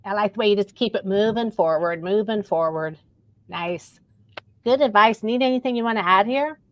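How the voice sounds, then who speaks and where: A woman's voice: medium pitch, moderate pace, muffled recording. A woman moderating a virtual teacher panel, affirming the speakers and summing up their takeaways. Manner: encouraging, affirming, wraps up with takeaways.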